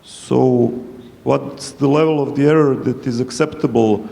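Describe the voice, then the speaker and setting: A man's voice: mid-range voice, fairly even intonation, unhurried, creaky, warm tone. A man asking a plain, informal question from a conference audience. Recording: reverberant hall.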